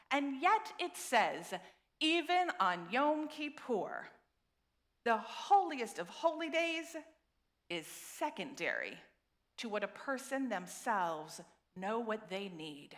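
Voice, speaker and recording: Slow, earnest woman rabbi at a pulpit microphone. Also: fairly high pitch, a bit bright. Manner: earnest, measured delivery with deliberate repetition. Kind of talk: sermon. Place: synagogue sanctuary.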